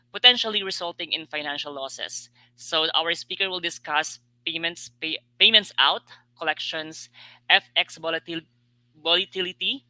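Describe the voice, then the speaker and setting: A man's voice: a little high, sharp tone, dry recording, low-quality recording. A man moderating an online webinar, talking with many hesitations and fillers. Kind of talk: hosting a webinar.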